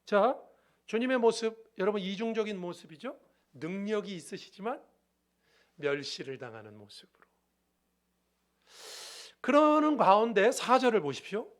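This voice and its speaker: A man's voice: sits high, sing-song, moderate pace, long pauses. A male pastor preaching a sermon emphatically, often asking the congregation rhetorical questions.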